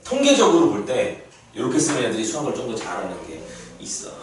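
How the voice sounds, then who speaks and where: Lively male teacher in echoey classroom. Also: mid-range voice, fast talker, crowd noise. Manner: lively, asks students frequent check-in questions. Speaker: math teacher. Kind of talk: classroom math lecture. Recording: echoey classroom from far off, faint noise.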